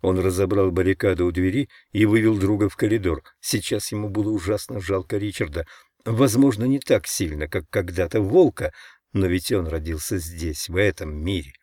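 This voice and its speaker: A man narrating an audiobook in a measured, dramatic reading. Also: low-pitched, a little mellow, dry recording. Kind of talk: scripted narration.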